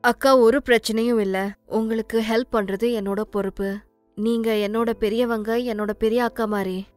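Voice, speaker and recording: A woman's voice: a little high, steady tone, moderate pace, soft background music, close to an everyday voice. A woman voicing a kind young sister-in-law who reassures an older relative. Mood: reassuring. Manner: warm, reassuring.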